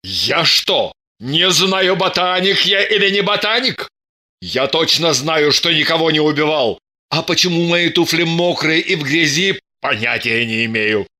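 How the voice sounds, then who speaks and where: A man voicing a stubborn, indignant male detective in an audiobook, talking gruffly and scornfully. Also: a little high, lively intonation, a little slow, sharp tone, full character voice. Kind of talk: dramatic audiobook reading.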